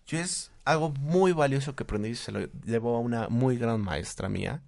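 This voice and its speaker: A man's voice: medium pitch, normal speed, gravelly, darkish tone. A man with a Mexican accent giving casual advice, who acts out quoted voices and laughs often. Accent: Mexican Spanish. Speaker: guest speaker, therapist.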